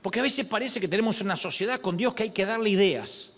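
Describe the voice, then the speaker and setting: A middle-aged man preaching a sermon as a pastor, expressive and acting out quoted prayers. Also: high-pitched, fast talker.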